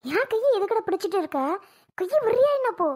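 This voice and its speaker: A woman's voice: lively intonation, quick pace, darkish tone. A woman voicing an injured young wife in a cartoon, who is furious and scolds sharply. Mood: angry. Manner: shrill, scolding, exasperated. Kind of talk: cartoon voice acting.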